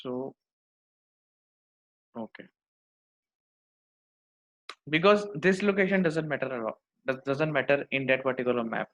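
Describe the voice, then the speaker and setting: A man with an Indian accent giving a step-by-step software tutorial, often repeating his phrases for emphasis. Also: mid-range voice, a little slow, pauses often. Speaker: software instructor. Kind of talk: screen-demo tutorial, explaining step by step. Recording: dull lo-fi microphone sound.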